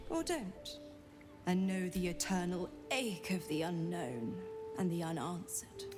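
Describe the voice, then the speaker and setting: A seductive fiend in a fantasy game, low and unhurried. She is teasing and menacing, slipping toward a sensual whisper, with music behind her. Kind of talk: video game dialogue.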